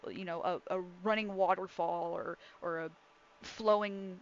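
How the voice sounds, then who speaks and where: A woman's voice: on the low side, steady tone, measured pace, dull audio. A woman running a tabletop game, improvising descriptive narration in an informal way. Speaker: game master.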